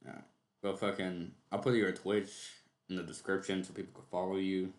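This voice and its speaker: Casting: male streamer host, lowish voice, profane and joking, recorded in an echoey room. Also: level tone, normal speed. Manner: swears freely, loose and joking. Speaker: streamer hosting a reaction show. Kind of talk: casual livestream reaction chat.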